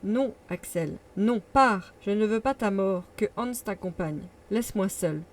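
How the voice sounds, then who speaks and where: A woman's voice: medium pitch, expressive, a little slow. Stubborn old male professor, stern, insistent, obsessed explorer, read by a woman. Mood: fierce.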